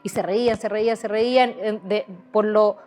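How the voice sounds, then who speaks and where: A woman's voice: medium pitch, fairly even intonation, moderate pace, darkish tone, faint music behind. A woman answering interview questions as a guest author, hesitating often with fillers and restarts.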